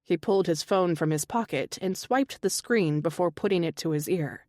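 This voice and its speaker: A woman's voice: fairly low pitch, moderate pace, a little mellow, no echo, studio quality. A woman narrating a romance audiobook, reading every character herself with small shifts in her voice.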